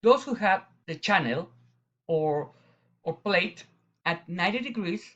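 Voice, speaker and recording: A woman with a strong Latin American Spanish accent presents a new surgical instrument from slides. She speaks in a halting, careful way and often restarts her phrases. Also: on the low side, expressive, dull audio.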